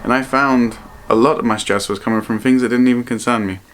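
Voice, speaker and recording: A man vlogging in a reflective, personal way, speaking earnestly and haltingly and often repeating his phrases. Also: medium pitch, steady tone, a bit bright. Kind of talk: personal vlog to camera, reflective talk.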